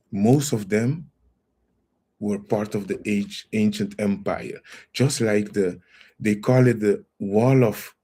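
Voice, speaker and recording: A man hosting a casual livestream lecture, reading out viewer comments and calling his listeners fam, with a halting delivery full of trailing phrases. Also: fairly low pitch, darkish tone, husky. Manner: reads out viewer comments and greets the chat; calls listeners fam and family. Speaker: livestream host.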